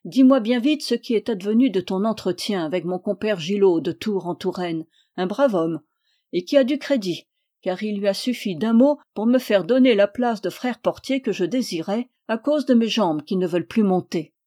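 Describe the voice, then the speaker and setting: A woman reading the part of a garrulous old male monk who keeps a monastery door, in a mellow, slightly raised voice. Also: mid-range voice, animated, moderate pace, lightly acted. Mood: chatty.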